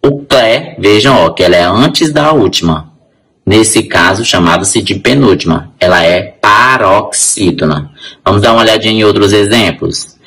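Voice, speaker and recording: A male teacher, explaining syllables to his class and spelling out example words slowly. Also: fairly low pitch, lively intonation, a bit bright, rough recording. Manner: addresses class directly. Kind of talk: grammar lesson.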